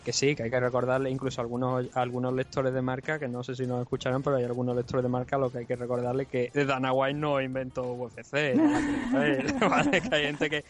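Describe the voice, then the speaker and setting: A man's voice: mid-range voice, fairly quick, hardly any pauses. A man hosting a casual sports chat, rambling with many restarts. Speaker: podcast co-host.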